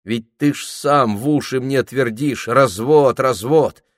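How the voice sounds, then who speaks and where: A man's voice: mid-range voice, takes it slowly, no echo, studio quality, pitched above the performer's own voice, lightly acted. A man reading a novel aloud, voicing a bold, sly village woman who coaxes and reproaches in a sing-song way. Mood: teasing.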